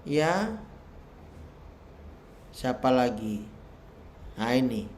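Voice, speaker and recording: A man preaching a sermon at a church service, slow and humorous, leading into prayer. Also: medium pitch, lively intonation, a little mellow, slight background noise. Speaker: pastor. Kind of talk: sermon with prayer and worship singing.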